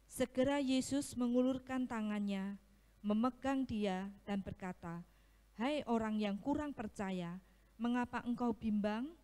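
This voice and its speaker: A woman reading scripture aloud in a steady, measured way during a church service. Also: on the high side, smooth. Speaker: scripture reader. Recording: long reverb of a church hall.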